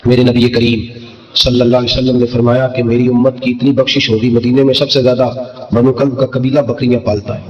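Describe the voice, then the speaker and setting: A man preaching a sermon, impassioned and emphatic, climbing to high fervent peaks. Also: darkish tone, muffled recording. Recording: echoey hall with long reverb.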